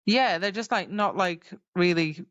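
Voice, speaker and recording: Unhurried and fairly bright, a lowish female voice gives a casual, loose book recap on a podcast she co-hosts, using lots of "like" and dramatized quotes. The recording is dry, with the highs cut off.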